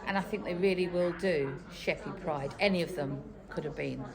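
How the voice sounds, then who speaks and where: A woman's voice: sits low, moderate pace. A woman giving an interview answer as a contest judge. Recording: busy crowd chatter around the voice.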